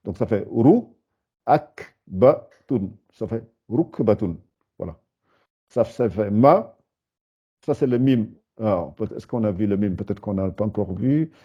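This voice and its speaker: A man teaching a beginner class, patiently spelling out syllables one by one, often pausing with hesitations. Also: fairly low pitch, expressive, slightly rough, lo-fi sound. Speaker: Arabic teacher. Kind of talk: live beginner lesson with students.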